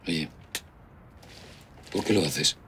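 A reserved policeman in his fifties with a low voice. The delivery is natural television drama, over faint background noise. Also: extremely slow, exaggerated voice. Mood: wary, curious. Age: 50s. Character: reserved middle-aged police officer.

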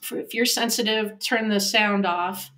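This interview story comes from an animal communicator, an American woman in her fifties on a webcam video call from her home office. Her medium-pitched voice is steady, measured, pushed and bright, and she brings the tale to life by acting out quoted voices.

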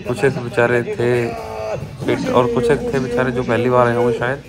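Outdoors at a street race, a male vlogger casually narrates, talking loosely about what he sees. He has a medium-pitched voice at a moderate pace, and loud music plays over his speech.

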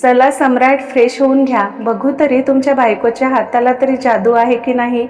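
A woman's voice: sits high, steady tone, moderate pace, a little mellow, big-room sound, natural voice. A woman voicing a smug, mocking young husband who teases his wife. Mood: teasing. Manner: smug, mocking, calls himself "we". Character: teasing arrogant young husband, man.

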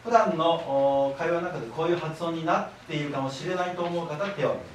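A library director gives a public lecture in an echoey hall, explaining patiently and leading the audience in call-and-response as they repeat words after him. He's a fast talker with a voice on the high side. The recording is very echoey, his voice sounds far off, and there's a faint hiss.

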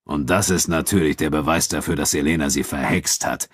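Man doing a gruff, scornful troupe leader, deep growling voice, dry close sound, storybook. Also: fairly quick, no room sound.

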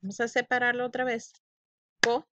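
Slow, patient woman teaching syllables. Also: medium pitch, lively intonation, background noise. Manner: slow, drawn-out syllables, repeats sounds for learners to echo. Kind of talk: children's phonics lesson.

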